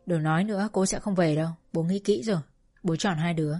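A woman's voice: mid-range voice, quick pace, mellow, soft background music, natural voice. A woman voicing a sad, resigned father in a spoken story, speaking in a terse, heavy way.

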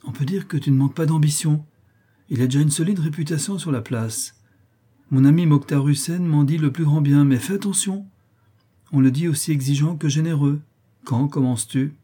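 A man's voice: fairly high pitch, normal speed, warm tone, husky, pitched above the performer's own voice. A man reading an audiobook, voicing a blunt, grumbling older uncle.

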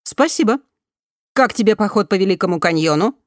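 A woman's voice: mid-range voice, animated, brisk, dry recording, studio quality, pitched above the performer's own voice, natural voice. A woman voicing a polite, announcer-like automated female survey voice that asks questions.

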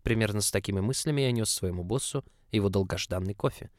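Low-voiced male audiobook narrator. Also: quick pace, no room sound, studio quality. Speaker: audiobook reader. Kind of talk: scripted narration.

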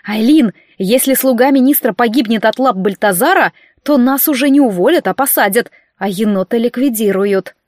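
A woman reading the part of a brisk, businesslike woman boss, a witch who speaks in a curt, matter-of-fact way. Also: on the high side, darkish tone, dry recording, clean studio sound, close to an everyday voice. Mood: worried. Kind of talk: audiobook character voice.

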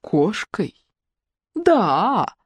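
Brief: snobbish, shrieking grown-up school bully, put on by a female reader, sharp and scornful, dry audiobook read. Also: very animated, slow pace, no echo. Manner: shrill, disdainful, snapping. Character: haughty hysterical grown woman, former class queen.

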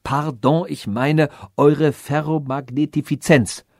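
A man's voice: fairly high pitch, slow pace, dry recording, studio quality. A man doing a fretful fairy-tale king. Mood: agitated. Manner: fretful, excitable.

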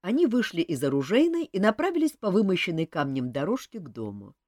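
Woman reading an audiobook, slightly low voice, very lively pitch, dry close sound. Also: brisk, no room sound. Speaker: audiobook narrator. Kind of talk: scripted narration.

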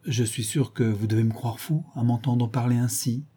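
Male reader as a secretive young painter, earnest and confiding; dark, husky voice. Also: mid-range voice, steady tone, moderate pace, close to an everyday voice.

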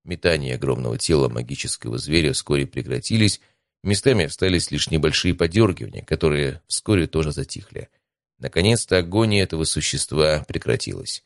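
A man reading an adventure audiobook in calm, even first-person narration. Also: extremely low pitch, a little fast, gravelly, dry recording, studio quality.

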